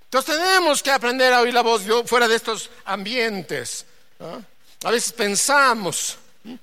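A woman preaches to her congregation with a bright, forceful tone. She moves from quiet, intimate lines to loud, emphatic declarations and has the listeners repeat her phrases back to each other. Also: on the high side, lively intonation, unhurried. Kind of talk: sermon to a congregation.

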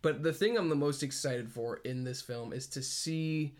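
An excitable man co-hosting a casual podcast, rambling through his thoughts with plenty of laughter. His voice sits at an ordinary middle pitch for a man. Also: normal speed. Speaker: podcast co-host. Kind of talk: casual fan chat.

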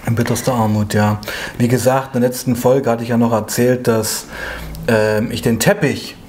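A man's voice: mid-range voice, little pitch movement, normal speed, a little mellow, a little hiss or hum. A man in the role of grandson interviews casually, with short prompts, often echoing and confirming what he hears.

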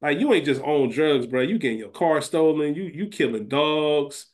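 A man with a voice on the high side talks expressively at a moderate pace. He's co-hosting a podcast, chatting casually in a slangy, informal way with some swearing, as the hosts run a fantasy draft about a TV show.

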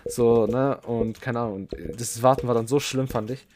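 A man's voice: mid-range voice, fairly even intonation, moderate pace, darkish tone, a little hiss or hum. A young man co-hosting a podcast, telling a long story in a rambling way with many fillers. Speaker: podcast co-host. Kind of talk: casual podcast chat.

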